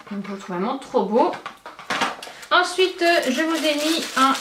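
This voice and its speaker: A young woman with a slightly high voice chats as a beauty vlogger, enthusiastic and full of hesitant fillers. Her voice rings in an echoey room, recorded by a mic set some distance from her. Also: a bit bright, a little hiss or hum. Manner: chatty and enthusiastic, many fillers. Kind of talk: casual chat.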